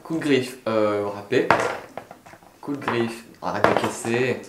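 Joking game master, echoey noisy room. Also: male voice, medium pitch, slow pace. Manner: loose and joking, describes combat with relish. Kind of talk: running a tabletop game, casual table talk. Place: around a gaming table indoors. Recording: echoey room with loud noise.

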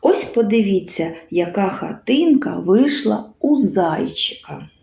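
A woman leads small children through a sound lesson in the measured, carefully articulated way of a kindergarten teacher. Her voice is soft and mellow, and she speaks slowly, often asking coaxing little questions. The room gives it a noticeable echo. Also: medium pitch, animated, creaky. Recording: roomy echo.

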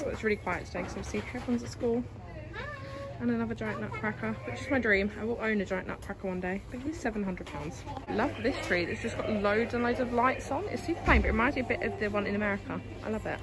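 A young woman filming herself around a large indoor garden centre on her phone. She narrates casually and gushes, piling on "love" and "so beautiful" as she browses. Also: mid-range voice. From Essex, England. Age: young adult. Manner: chatty and gushing, lots of "love" and "so beautiful". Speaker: vlogger. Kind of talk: casual shopping vlog narration. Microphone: handheld phone camera.

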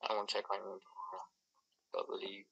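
A woman voicing a calm, low-voiced man who looks after a friend in a Minecraft role-play, speaking softly and hesitantly. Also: brisk, gravelly, slightly rough, lo-fi sound, exaggerated voice.

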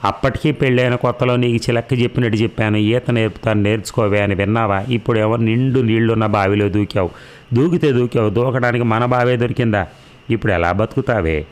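A man's voice: lowish voice, fairly even intonation, normal speed, smooth, close to an everyday voice. Man reading as a wailing village mother-in-law. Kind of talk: storybook narration.

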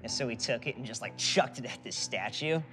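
A man casually telling a deadpan anecdote in a mockumentary interview. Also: mid-range voice, brisk, music in the background, lightly acted.

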